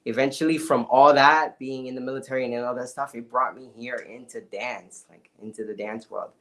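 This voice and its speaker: A young man from the Dominican Republic, telling his life story as a podcast guest in an energetic, emphatic way. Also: mid-range voice, normal speed. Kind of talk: casual interview storytelling.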